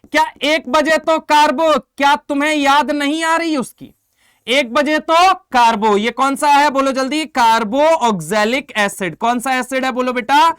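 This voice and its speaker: A male chemistry teacher in an online exam-prep class fires questions at his students and coaxes them to answer back, calling them "beta" and "bhai" with energetic call-and-response. His very high voice moves at a normal speed, captured dry in clean studio sound.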